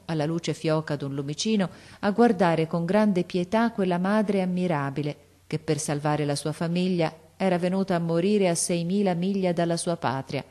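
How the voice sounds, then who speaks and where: A woman narrating a classic story in an expressive, measured way. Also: fairly low pitch. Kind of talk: audiobook narration of a classic novel.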